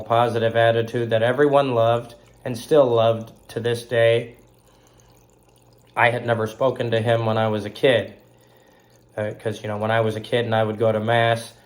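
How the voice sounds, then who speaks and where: Still recovering from being sick, a thirtysomething man from Southern California hosts a religious broadcast and gives an informal tribute. He talks at a medium pitch, slow and halting, often using fillers, clearing his throat, and coughing slightly.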